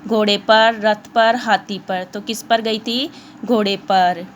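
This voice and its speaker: A woman teacher giving an online lesson to young pupils, explaining slowly and mixing in English words. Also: mid-range voice, steady tone, lo-fi sound, a little hiss or hum.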